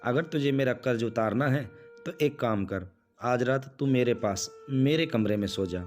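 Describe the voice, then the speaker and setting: A man voicing an old mother in a spoken story, talking softly and slowly. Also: mid-range voice, faint music behind, lightly acted. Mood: gentle. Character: old mother, patient and loving, finally stern.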